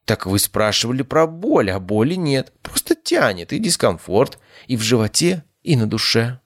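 A man's voice: big pitch swings, moderate pace. Man putting on a whiny middle-aged woman patient. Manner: whiny, complaining, raised pitch.

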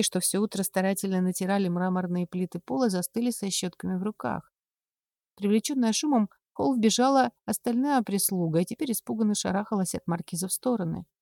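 A woman reading a first-person story aloud in a measured, expressive way, close to the mic. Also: medium pitch, no room sound. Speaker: audiobook narrator. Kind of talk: scripted first-person narration.

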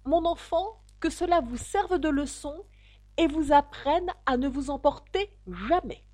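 A woman's voice: high voice, lively intonation, a little slow, a little mellow, pitched above the performer's own voice. A woman voicing an old father crab who lectures his son, moralizing in a raised voice. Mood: preachy.

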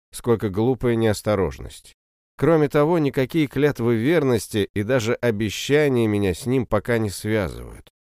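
A man narrating a fantasy novel in the first person, in a steady, even storytelling manner. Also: mid-range voice, no echo, clean studio sound. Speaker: audiobook narrator.

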